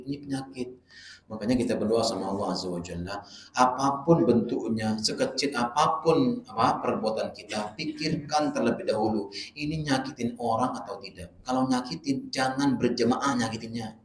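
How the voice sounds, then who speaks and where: Lively preacher man in an echoey prayer room. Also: mid-range voice, moderate pace, a little hiss or hum. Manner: lively, swings from soft asides to loud exclamations; animated storytelling with acted-out quotes. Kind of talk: Islamic dawn study sermon.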